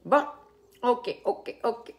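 A woman with a Québécois French accent hosting a wine quiz as a sommelier on a live stream, chatty and animated, talking straight to her viewers. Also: extremely slow. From Quebec. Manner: chatty and animated, with frequent fillers and asides to viewers. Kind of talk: casual live-stream chat.

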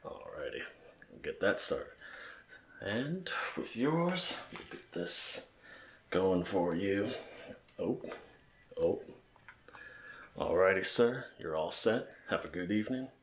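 A man's voice: low voice, big pitch swings, slow pace, long pauses, echoey room. A man doing ASMR role-play game commentary as a bartender, with polite, attentive customer-service patter. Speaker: ASMR gamer playing a bartender.

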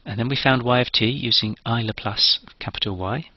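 A man's voice: mid-range voice, brisk, no room sound, dull audio. A man giving a recorded engineering lecture, explaining each step methodically.

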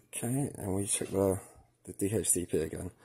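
A low, creaky voice, mellow and husky, moves at a moderate pace. It belongs to a man presenting a product tutorial indoors, his camera on his hands and the device at a work table as he narrates each step informally.

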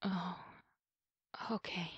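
Heavily acting, a woman with a breathy edge plays an ashamed, distraught werewolf girlfriend in ASMR, apologizing wearily in halting, stammering phrases interrupted by sighs. The audio is echo-free with the highs cut off, over a steady rumble.

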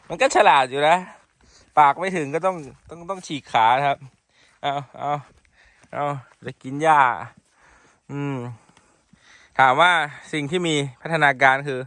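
Man, casual outdoor vlog, bright tone, dry close sound, affectionate chatty talk, phone recording at a paddock. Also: mid-range voice, clean tone, no echo. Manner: chatty, affectionate, many polite particles. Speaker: horse breeder and channel host. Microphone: handheld phone.

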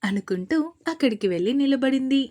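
Brisk woman narrating a romance story. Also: high-pitched, mellow.

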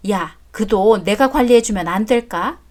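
A woman's voice: mid-range voice, normal speed, a little mellow, lightly acted. A woman voicing a brash, greedy older mother-in-law who talks bluntly and coarsely in a story drama. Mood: scolding. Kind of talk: story drama read aloud.

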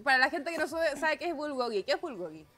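A young female host leads a studio chat. Her high voice swings up and down as she keeps things moving with quick little reactions. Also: big pitch swings, sharp tone. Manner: short reactive interjections. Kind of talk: casual chat. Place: TV-style studio set.

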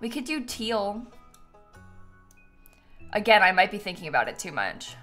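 Streaming a game from a small indoor room at home, this young adult woman keeps things playful and self-deprecating, giggling right up on the mic as she talks to viewers. She speaks at medium pitch in an unhurried, sing-song way with a slightly bright tone, over game music.

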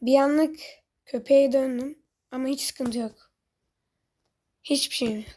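Excitable high-voiced woman gaming. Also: slow pace. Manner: excitable, exasperated outbursts, talks to viewers. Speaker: gaming channel host. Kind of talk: casual gameplay commentary.

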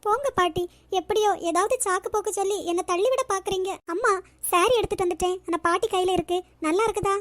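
Sweet earnest young cartoon girl a woman doing her, super high and soft. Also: quick pace. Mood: gentle. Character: gentle young village woman, devoted to her grandmother. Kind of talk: cartoon voice acting.

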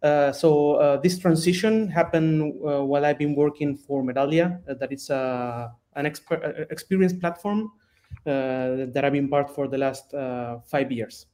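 A man's voice: fairly high pitch, mellow. Hesitant man from Argentina. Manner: halting, many fillers. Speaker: panel guest. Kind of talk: self-introduction on a video call.

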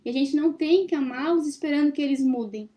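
Young woman on a webcam call, high mellow voice, thoughtful, asks the listeners questions. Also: fast talker. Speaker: spiritist study presenter. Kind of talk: reflective teaching talk. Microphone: laptop webcam on a video call.

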